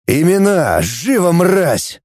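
A man voicing a gruff, mocking male fleet commander who barks orders, in an audiobook. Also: fairly high pitch, big pitch swings, unhurried, darkish tone, dry recording, clean studio sound, soft background music. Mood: barking. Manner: barking orders, sneering.

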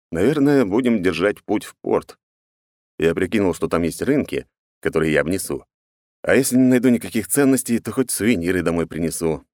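A man narrating a first-person audiobook in a sardonic, deadpan manner. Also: low-pitched, dry recording, clean studio sound.

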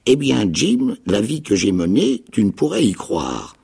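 An actor playing a ragged, half-mad old marooned pirate with a raspy, creaking voice, pleading and eager in a dramatic radio reading of a novel. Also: male voice, a little slow, exaggerated voice. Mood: eager rambling. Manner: high, pleading, eager voice with excited leaps.

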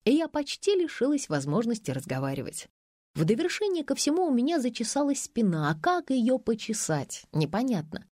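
A woman narrating a comic first-person audiobook with wry, deadpan humor. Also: on the high side, moderate pace, dry recording, studio quality.

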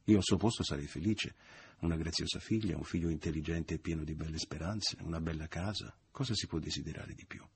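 A man's voice: extremely low pitch, brisk, husky, heavily acted. A man voicing a smug, falsely good-natured man at a family dinner, in a triumphant, self-satisfied tone. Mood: jovial.

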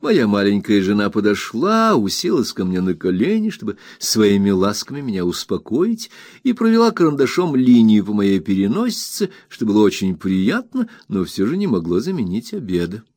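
A man narrating a classic novel in an expressive, measured storytelling voice, his pitch moving widely. The recording is dry and close, with no room echo. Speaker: audiobook narrator.

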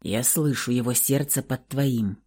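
Woman voicing a hoarse, wounded ancient vampire. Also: extremely low pitch, a little slow, pitched below the performer's own voice, exaggerated voice. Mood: weak, tender. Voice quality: hoarse, hushed. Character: wounded ancient male vampire, weak and tender. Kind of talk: audiobook role reading.

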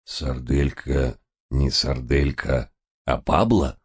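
Man doing a scared, slow-witted guy, hoarse and plaintive, speaking slowly and a touch low in a deep voice. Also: darkish tone, full character voice. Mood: bewildered. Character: jittery dim-witted man, fearful and whiny.

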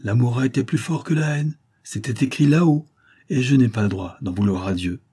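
A man's voice: medium pitch, brisk, mellow, slightly rough, natural voice. A man voicing the Countess de Trémeuse, an aging mother who speaks tenderly and solemnly to her son, in an audiobook reading.

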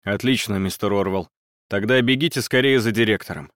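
Man voicing a grown male teacher, brisk, reassuring, a bit lower, audiobook. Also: fairly bright tone, dry recording, clean studio sound, lightly acted. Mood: urgent. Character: calm, resolute grown male schoolteacher.

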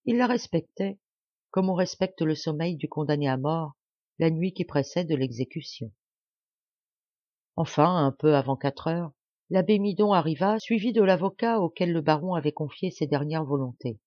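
A woman narrating a classic novel as an audiobook, with an expressive, dramatic reading style. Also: low-pitched, normal speed, dry recording, dull audio. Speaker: audiobook reader.

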